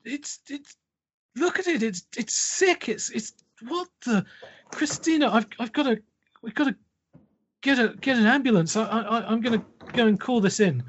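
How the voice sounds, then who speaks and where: A man's voice: animated, moderate pace, muffled recording. Man doing a frantic stammering deputy. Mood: panicked. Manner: stammering, frantic, high-pitched. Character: panicking male small-town deputy.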